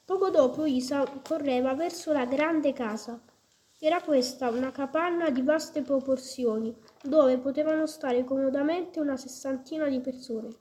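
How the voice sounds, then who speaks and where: A woman's voice: high-pitched, moderate pace, mellow. A woman reading a story aloud, stumbling and restarting at times. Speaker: reader.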